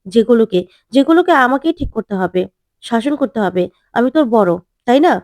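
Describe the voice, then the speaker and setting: A woman's voice: on the high side, lively intonation, fairly quick, a little mellow, dry recording, studio quality, lightly acted. A woman voicing a teasing, self-assured young male doctor in a retold serial, rambling through his explanations.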